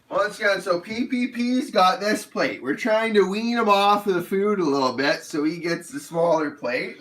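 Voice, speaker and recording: A man's voice: high-pitched, fairly bright tone, poor audio. A man casually hosting a cooking stream, explaining each step as he goes in an easygoing, rambling way.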